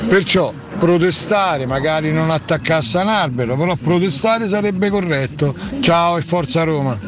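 Higher-voiced man talking over music. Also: moderate pace. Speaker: truck delivery driver, radio listener. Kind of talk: casual opinion.

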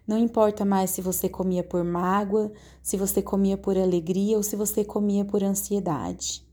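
Woman hypnosis guide, calm and directive, soft mellow voice. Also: mid-range voice. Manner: slow, soothing, calmly directive. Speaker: meditation guide.

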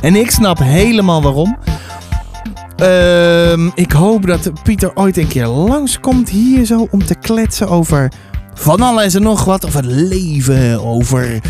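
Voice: medium pitch, lively intonation, unhurried, darkish tone, soft background music. A podcast host reading a children's story aloud and then chatting in a rambling, filler-heavy way.

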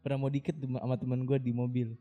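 Young dude joking around, warm low voice, light guitar in the back. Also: male voice, monotone, quick pace, muffled recording. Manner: playful, storytelling, guessing puns. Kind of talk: casual joking chat.

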